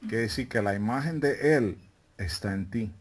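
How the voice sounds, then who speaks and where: A man's voice: on the low side, normal speed, husky. A man preaching a teaching sermon to a live congregation, often asking questions and calling them brethren. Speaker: preacher teaching a Bible study. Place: meeting room with a live congregation.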